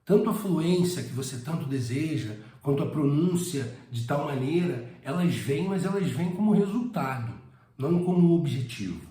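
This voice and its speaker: A little high yet mellow, this Brazilian man's expressive voice carries a Rio de Janeiro Portuguese accent and a roomy sound. Speaking at normal speed, the English teacher delivers a casual lesson, frequently hesitating and repeating himself.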